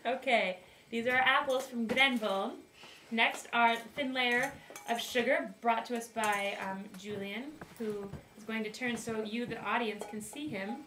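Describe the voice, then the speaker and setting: Her voice sits on the high side, steady, unhurried, pushed and bright, as this young woman hosts her homemade cooking video. She presents with playful pretend formality and plenty of giggles. A far camera records her in a small wooden kitchen, so the sound is roomy, distant and lightly hissy.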